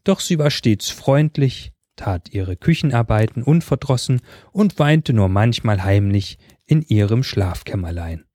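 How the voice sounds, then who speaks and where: A man reading a fairy tale aloud in a calm, measured storytelling voice. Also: fairly low pitch, dry recording.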